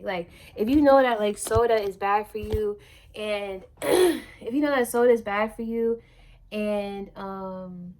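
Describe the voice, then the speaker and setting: A young woman who has recently become a mother chats casually to the camera, rambling loosely with plenty of fillers and restarts. Her voice is fairly high with a darkish tone.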